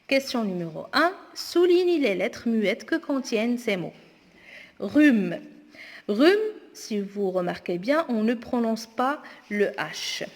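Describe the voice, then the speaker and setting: A woman teacher going through homework exercises aloud, slowly and deliberately spelling words out. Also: on the high side, expressive. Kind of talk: spoken homework correction lesson. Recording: long echoing reverb.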